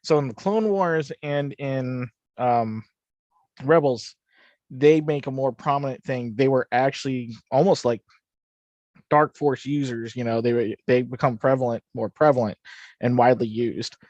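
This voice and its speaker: A man's voice: medium pitch, a little slow, darkish tone, no echo, lo-fi sound. A man co-hosting a casual watch-along livestream, explaining lore with plenty of fillers and restarts. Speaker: podcast co-host.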